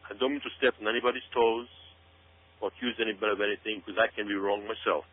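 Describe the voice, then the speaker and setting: A man appears as a radio show guest offering conspiracy-minded commentary, speaking emphatically and repeating words and phrases for stress. His voice is on the low side, steady, and rapid-fire, heard through narrow, phone-like radio sound.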